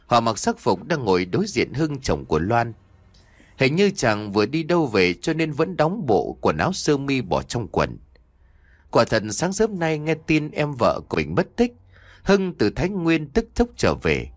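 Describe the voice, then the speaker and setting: A man's voice: medium pitch, dry recording. A man narrating a scripted horror story in a dramatic, ominous storytelling manner.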